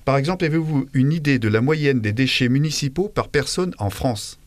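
A man's voice: medium pitch, lively intonation, normal speed, no room sound. A man hosting a radio column in a studio, jovial and chatty, often correcting himself. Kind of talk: radio chronicle with guests. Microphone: studio microphone.

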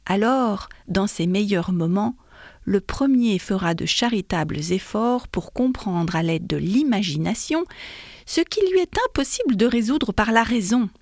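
A female audiobook reader with a mid-range voice narrates a classic novella from a script, reading in a measured, expressive way. The studio sound is clean, with no room sound.

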